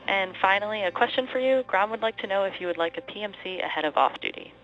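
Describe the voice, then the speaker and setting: Speaking from mission control over a space-to-ground radio link, a woman spacecraft operator gives crisp, methodical checklist callouts at a quick pace. Her voice is medium in pitch, and the muffled radio link carries faint music.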